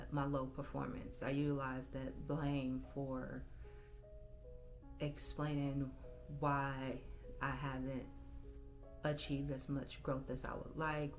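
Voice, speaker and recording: Woman, 30s, low voice, halting personal vlog, clear music underneath. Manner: reflective, halting, self-correcting. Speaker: channel host. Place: bedroom.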